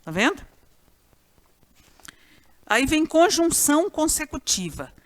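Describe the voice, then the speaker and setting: A woman with a Brazilian accent teaching a grammar class, lively and chatty, often turning to talk straight to her students. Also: high voice, takes it slowly. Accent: Brazilian Portuguese. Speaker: Portuguese teacher.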